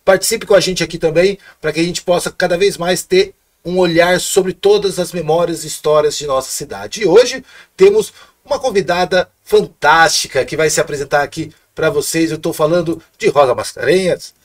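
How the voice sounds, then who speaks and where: High-voiced enthusiastic male podcast host. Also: moderate pace. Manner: enthusiastic, gesturing, calls on viewers. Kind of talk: upbeat podcast hosting. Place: small podcast studio. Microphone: desk microphone.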